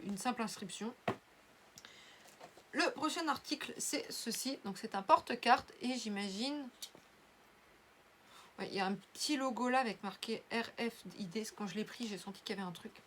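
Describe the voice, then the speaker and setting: A woman's voice: medium pitch, brisk, slight background noise. A young woman chatting casually through an unboxing video, rambling with lots of fillers and restarts. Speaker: unboxing vlogger.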